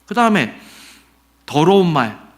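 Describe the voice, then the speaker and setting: A middle-aged man preaching a Sunday sermon as pastor, conversational and animated, asking the congregation questions and acting out quotes. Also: fairly high pitch, unhurried.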